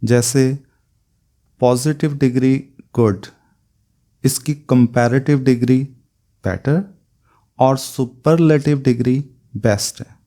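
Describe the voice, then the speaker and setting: Slow, dark-voiced man teaching grammar. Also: medium pitch. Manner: spells out word forms one by one. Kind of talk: slow explanatory grammar lesson.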